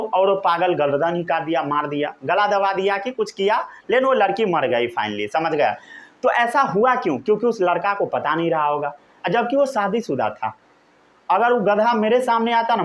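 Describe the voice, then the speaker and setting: A young male teacher lectures to his class. His voice sits high and swings widely in pitch. He keeps checking that his students have understood. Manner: animated, keeps asking "samajh gaye?".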